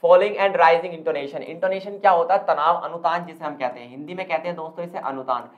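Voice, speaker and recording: A man's voice: on the high side, fast talker, muffled recording. A man tutoring students for an exam, speaking emphatically, repeating key points and mixing in terms. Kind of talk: exam revision lesson.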